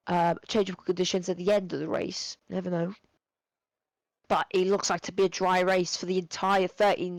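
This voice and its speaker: A man giving live sim racing commentary, excitable and rambling with many fillers, his voice going hoarse and cracking. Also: sits high, dry recording, poor audio. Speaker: race commentator.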